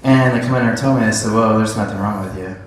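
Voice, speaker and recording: A man telling his testimony in church, animated, acting out the dialogue as he tells his story. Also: fairly low pitch, quick pace. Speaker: church member giving a testimony. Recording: echoey church hall, voice heard from a distance.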